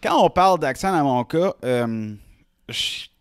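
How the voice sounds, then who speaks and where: A man's voice: on the high side, expressive, measured pace, clear, resonant tone, no echo, studio quality. A man from Ontario with a Franco-Ontarian French accent, telling casual, humorous anecdotes as a podcast guest and strongly rolling his R's on the tip of his tongue. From Rockland, Ontario, Canada.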